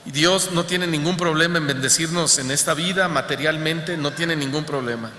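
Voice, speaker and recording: A man's voice: fairly high pitch, moderate pace, bright, forceful tone, a little hiss or hum. Echoey male preacher in a church. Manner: preaching with rhetorical questions to the congregation. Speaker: pastor. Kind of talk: sermon. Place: church hall. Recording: echoey church hall with long reverb.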